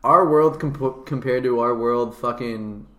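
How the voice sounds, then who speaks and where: A young man rattles off his opinions at a quick clip, cursing freely and dropping "dude" again and again. His mid-pitched voice bounces around a roomy, echoing space, and the talk stays loose and unscripted. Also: fairly bright tone. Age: young adult. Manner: fast-talking and profane, says "dude" a lot. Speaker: podcast co-host. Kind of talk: casual chat.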